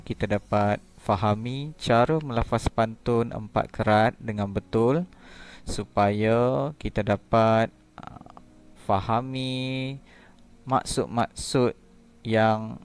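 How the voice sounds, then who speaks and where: A man's voice: on the low side, steady tone, takes it slowly, smooth. A man teaching a primary school lesson, explaining patiently step by step. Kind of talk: recorded classroom lesson.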